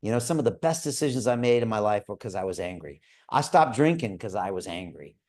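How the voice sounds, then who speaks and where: A man's voice: on the low side, big pitch swings, fairly quick, a little mellow. A man hosting a live call, giving an earnest motivational talk and often checking in with "right?". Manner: earnest, repeats "right?" to listeners. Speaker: show host. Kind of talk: motivational livestream talk to viewers.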